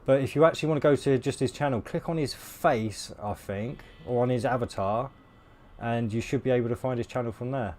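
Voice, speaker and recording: Hoarse man chatting on stream. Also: mid-range voice, a little fast, darkish tone. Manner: rambling, many fillers, laughs at himself. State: losing his voice, coughing. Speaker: game streamer. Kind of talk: casual live-stream chat with viewers.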